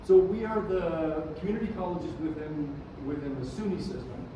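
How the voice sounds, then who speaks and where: A man's voice: on the high side, normal speed. A man giving a conversational public presentation as a college president, often hesitating and repeating words as he goes. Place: large echoing room at a conference. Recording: echoey hall, distant mic, noisy.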